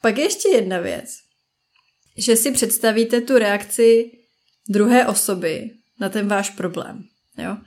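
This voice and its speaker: A woman's voice: mid-range voice, a little mellow. A woman in her thirties, a parenting podcast host, talking in a chatty, casual way and briefly acting out friends and children. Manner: chatty, acts out friends and children in quick asides. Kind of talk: casual solo talk.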